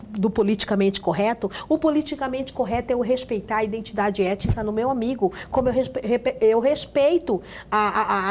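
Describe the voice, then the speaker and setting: A woman's voice: mid-range voice, darkish tone, slight background noise. A Brazilian woman speaking as a guest on a studio talk show, making emphatic, passionate points in long run-on sentences. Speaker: guest, activist founder.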